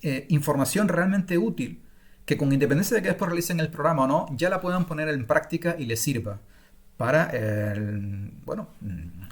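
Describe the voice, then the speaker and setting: In a recorded online masterclass, a middle-aged man from Spain pauses his way through the material in a fairly high voice. A language-learning course creator whose first language is Spanish, he speaks thoughtfully and off the cuff, with fillers and restarts.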